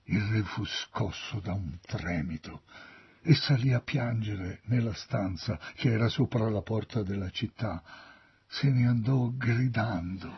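Slow, very husky male narrator. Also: on the low side, dry recording. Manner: expressive storyteller, lively intonation. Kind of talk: Bible story reading. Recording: dull dry recording.

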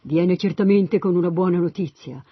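King David, as a narrator puts him on, husky and grieving. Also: medium pitch, normal speed, no room sound, lightly acted. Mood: hopeful. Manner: emotional, breaks into weeping. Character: grieving old king, father of rebel son. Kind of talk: Bible story reading. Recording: dull dry recording.

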